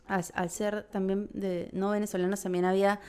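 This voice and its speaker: A woman's voice: mid-range voice, flat delivery, normal speed, a little mellow, smooth. A woman with a Peruvian accent, talking casually as an interview guest, rambling with many tag questions and restarts. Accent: Peruvian Spanish. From Peru. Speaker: documentary filmmaker guest.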